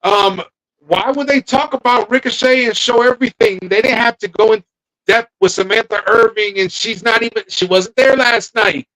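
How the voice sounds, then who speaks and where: A man with a notably high voice co-hosts a relaxed podcast chat. He thinks out loud, drifts off mid-sentence and starts again. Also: normal speed, poor audio. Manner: thinking aloud, trailing off and restarting. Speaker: podcast co-host. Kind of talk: casual wrestling chat.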